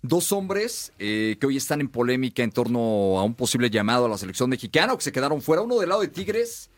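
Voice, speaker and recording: A man hosting a sports talk show who asks long, lively questions. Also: mid-range voice, fast.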